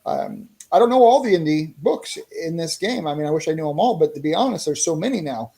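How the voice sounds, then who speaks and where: An indie comic creator on a podcast talks up his fighting game in an animated, fast voice that sits on the high side, with vocal fry and a dark tone. As a guest he's casual and eager, explaining at length and repeating himself often.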